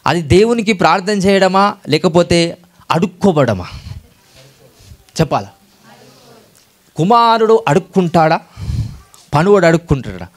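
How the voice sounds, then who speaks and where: A man with a Telugu accent preaching a sermon, often calling out hallelujah and putting questions to the congregation. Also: high-pitched. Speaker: pastor.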